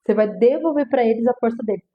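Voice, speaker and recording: A woman with a fairly high voice teaches her audience in a coaching way. She keeps throwing rhetorical questions at them and repeating her main lines. The recording sounds a little muffled and lo-fi. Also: fast talker. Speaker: family constellation teacher.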